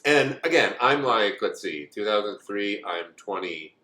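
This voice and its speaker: A man's voice: on the low side, animated, moderate pace, sharp tone. A man in his forties from the United States, telling a personal story in a rambling, casual way with many asides. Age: 40s. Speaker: co-host. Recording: echoey room.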